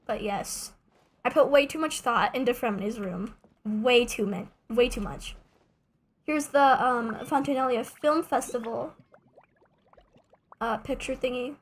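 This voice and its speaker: A young adult woman with a slightly high voice streams a game, speaking a little slowly with long pauses. Her casual chat rambles, full of self-mockery and joking asides.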